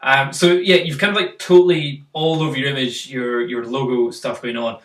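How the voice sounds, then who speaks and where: A man's voice: medium pitch, fairly even intonation, normal speed, fairly bright tone. A man hosting a casual photo critique, talking through pictures and quizzing his co-host. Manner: chatty, uses fillers, quizzes co-host. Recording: roomy, mic at a distance.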